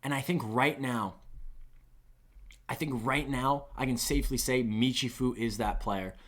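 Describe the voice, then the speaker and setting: Casting an esports match live, a man with a medium-pitched, failing voice talks at a measured pace. He rambles with excitement and hits loud peaks on the big plays.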